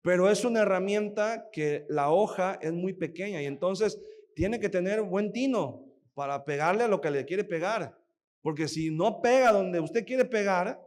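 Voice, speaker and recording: Male pastor, high voice, lively storytelling sermon full of rhetorical questions. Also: moderate pace. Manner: animated storytelling, acts out quoted voices; asks the audience frequent rhetorical questions.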